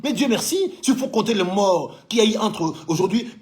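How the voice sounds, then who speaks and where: Man from Congo, high voice, fiery, scolding, political rant. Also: expressive, a little fast, darkish tone. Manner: fiery, scolding, repeatedly addressing the president directly. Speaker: business owner living in France. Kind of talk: heated political commentary.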